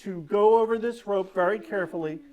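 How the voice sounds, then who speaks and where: A woman's voice: mid-range voice, a little fast, mellow, muffled recording. A woman doing live magic show patter for children, giving step-by-step instructions and coaxing the audience along with frequent check-in questions. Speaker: stage magician performing for children.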